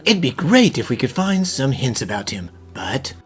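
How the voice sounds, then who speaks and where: A man voicing a composed, thoughtful gentleman professor who explains things formally in an animated fan dub. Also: mid-range voice, normal speed, faint music behind, lightly acted. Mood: grave. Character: gentlemanly puzzle-solving professor, thoughtful, devoted father.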